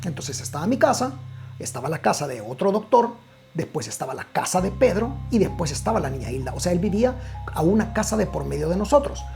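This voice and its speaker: Gravelly Guatemalan man telling a story. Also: high-pitched, sing-song, fast, darkish tone, soft background music. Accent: Guatemalan Spanish. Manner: conversational, speaks to returning listeners, frequent fillers and restarts. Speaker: storyteller host. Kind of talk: casual spoken storytelling.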